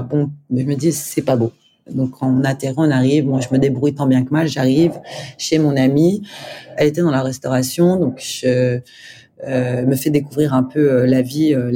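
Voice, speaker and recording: Mellow-voiced woman guest in her forties. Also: deep voice. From France. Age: 40s. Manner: halting, many fillers and restarts, laughs while telling. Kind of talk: casual interview storytelling.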